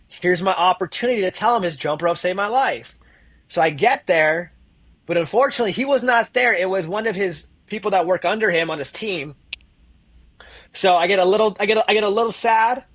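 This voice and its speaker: A man's voice: sits high, fairly bright tone. A man telling his own story as a podcast guest, acting out the voices of the people in it. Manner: acts out voices in his stories, fillers like "like". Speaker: guest, therapist. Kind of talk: animated storytelling.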